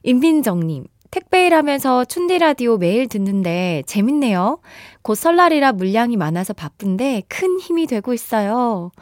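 A woman radio DJ chatting and reading listener messages, animated and laughing often, on a close studio mic. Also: a little high, moderate pace, hardly any pauses, no room sound.

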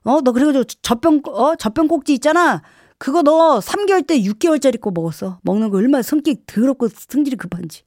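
A woman's voice: sits high, lively intonation, a little mellow, no echo, clean studio sound. A woman putting on a nagging middle-aged mother. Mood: exasperated. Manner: scolding, exasperated, drawn-out sighs.

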